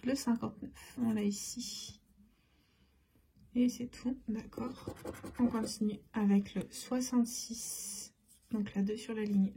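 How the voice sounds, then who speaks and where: A woman casually talking through a scratch-card game, giving chatty running commentary that often drops to a soft near-whisper. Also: mid-range voice, breathy edge. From France.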